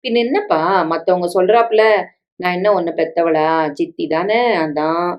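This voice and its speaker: A woman's voice: fairly low pitch, moderate pace, highs cut off, natural voice. A woman voicing a scheming middle-aged stepmother who coaxes, pleads and guilt-trips, in a story reading with dialogue. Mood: pleading. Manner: coaxing, pleading, guilt-tripping.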